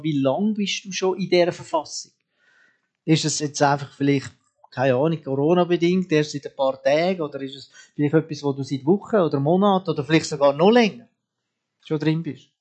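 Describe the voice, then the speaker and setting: A preacher delivers a sermon in a breathy, raspy voice that sits a little high for a man. He speaks straight to his listeners and keeps asking them pointed questions. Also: a little mellow. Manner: direct, asks the listener repeated questions.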